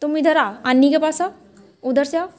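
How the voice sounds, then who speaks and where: A high-voiced woman, teaching children at a small home tuition class. She speaks in short, strict commands and keeps the class in line. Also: moderate pace, a little mellow. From Jharkhand, India.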